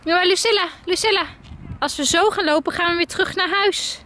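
There's a little hiss or hum as a young mother in her twenties vlogs her family at home and outdoors on the street. Her very high voice is pushed and bright and a little fast, coaxing her toddler sing-song style between frequent laughs.

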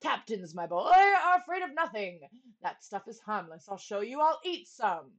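A woman's voice: a little high, sing-song, moderate pace, fairly bright tone, lo-fi sound, heavily acted. A woman voicing a proud, boastful male captain of the guards who talks in a hearty, dismissive way.

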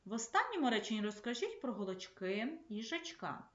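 A woman primary school teacher giving a remote lesson, speaking in clear, measured instructions to young pupils. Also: on the high side, sing-song, fairly bright tone. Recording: echoey, slightly dull room recording.

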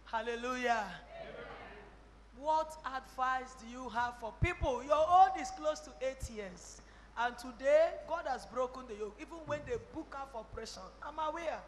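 A Nigerian woman prophetess leading a church testimony, fervently swinging between shouting and hushed talk. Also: high-pitched, normal speed, big-room sound, a little hiss or hum. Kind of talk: charismatic preaching.

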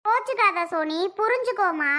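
Exasperated, a performer with a very high, bright voice fully inhabits the role of a fretting middle-aged mother-in-law in a family comedy skit, pleading one moment and scolding the next. The delivery is expressive and a little fast.

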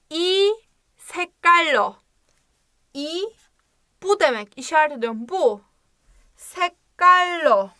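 A woman teaching a language lesson in a playful manner, repeating words slowly for learners. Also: high-pitched, sharp tone, no echo, studio quality.

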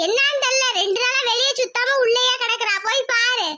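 A woman's voice: very high-pitched, a little fast, very noisy. A woman voicing a gossipy village mother who drawls and calls out to her neighbors. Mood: drawling, friendly.

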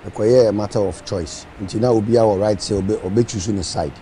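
A man's voice: fairly low pitch, fairly even intonation, fast talker, mellow, slight background noise. A man speaking casually about politics, hesitant and often repeating his words.

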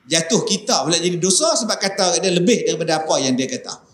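A middle-aged male preacher with a Northern Malaysian accent, giving a lively mosque lecture and acting out quarrels. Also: high-pitched, fast talker. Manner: animated, acts out quarrels in shifting voices. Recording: echoey mosque hall, faint noise.

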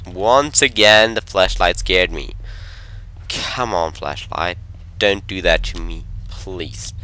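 A man's voice: sits low, slow pace, sharp tone. A man commentating his own horror game play, jumpy and talking to himself, sometimes dropping to a whisper when scared. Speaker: gameplay commentator.

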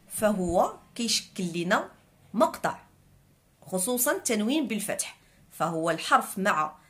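Moroccan woman teaching with a lively voice. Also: medium pitch. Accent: Moroccan Arabic. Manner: patient, spells out sounds slowly and repeats words. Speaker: Arabic teacher. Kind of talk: explaining a lesson.

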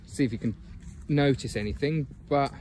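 A man's voice: mid-range voice, normal speed, a little mellow, slight background noise. A man filming a casual outdoor walk-and-talk vlog on a phone, rambling with many ums and chuckles. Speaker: geocaching vlogger. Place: outdoors by a fence and bushes.

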